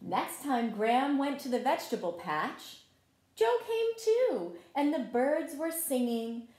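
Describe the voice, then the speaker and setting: A pre-kindergarten teacher with a high voice reads a picture book slowly to preschoolers, her intonation very lively. Animated and encouraging, she asks the children questions throughout, and the room has a strong echo.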